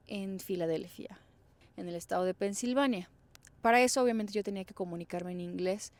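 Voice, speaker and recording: A woman's voice: medium pitch, darkish tone. A young woman from Mexico with a Mexican Spanish accent, telling her own story in a chatty, explanatory vlog with casual fillers. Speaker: vlogger.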